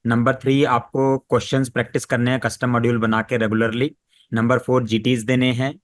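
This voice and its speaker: A man of ordinary pitch running an interview as a teacher. He sums things up methodically in numbered points. The sound is dry and close. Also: little pitch movement, moderate pace, dry recording. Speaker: interviewer, pharmacology faculty. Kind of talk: interview summing-up.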